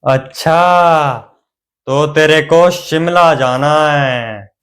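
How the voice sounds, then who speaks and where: A man playing a stern middle-aged father who lectures slowly and bursts into angry scolding. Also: fairly high pitch, fairly bright tone, soft background music. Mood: lecturing.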